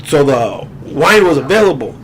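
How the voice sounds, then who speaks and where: Male podcast co-host, crude joker, a bit high-voiced, laughs a lot. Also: very animated, normal speed, fairly bright tone, a little hiss or hum, rough recording. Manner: crude, joking, laughs often. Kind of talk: casual chat.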